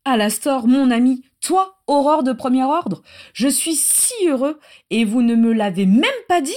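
An excitable grown man in a storybook reading, gushing with affection and raising his voice high with feeling, as a woman narrator puts him on. He bubbles over, then turns timid. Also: unhurried, close to an everyday voice. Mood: exuberant. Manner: effusive, gushing, then shy. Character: excitable, emotional adult man.

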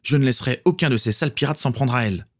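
A man's voice: mid-range voice, rapid-fire, voice pushed up, close to an everyday voice. A man voicing a protective, hotheaded teenage boy in a storybook reading. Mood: defiant. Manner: defiant, shouting orders.

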